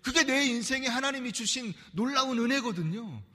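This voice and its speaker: A man preaching a sermon as pastor, animated and acting out the voices he quotes. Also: very high voice, a little fast, slightly rough, long reverb tail. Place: church sanctuary.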